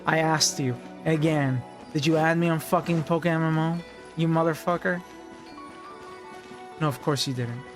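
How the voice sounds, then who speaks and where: A man's voice: a little high, fairly even intonation, moderate pace, music in the background. A man streaming a game, talking casually and grumbling to friends with heavy swearing. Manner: profane, grumbling asides. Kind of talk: casual gameplay commentary.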